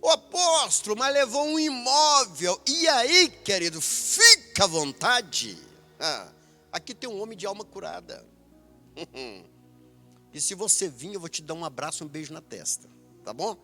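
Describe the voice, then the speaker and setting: A male pastor with a Brazilian accent preaching a sermon, emphatic and animated, laughing often. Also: high voice, a little slow, soft background music. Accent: Brazilian Portuguese.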